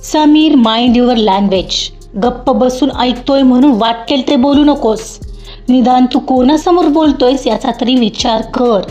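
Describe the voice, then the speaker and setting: A woman's voice: sits high, lively intonation, slow, darkish tone, voice pushed up. A woman voicing a composed male boss who speaks firmly and sternly, in a storybook reading. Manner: stern, firm. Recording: dull lo-fi with faint music.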